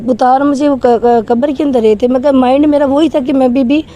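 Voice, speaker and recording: A woman's voice: sits high, fairly even intonation, dark tone. A woman recounting a frightening personal experience in an interview, her voice trembling and shaken as she tells it earnestly. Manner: emotional, earnest storytelling.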